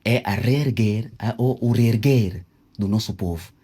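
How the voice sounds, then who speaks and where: Sounding low and dark, a husky, somewhat breathy man explains things in an interview, presenting himself as a traditional king. He teaches while he talks, sounding out Kikongo words syllable by syllable with frequent pauses and hesitations.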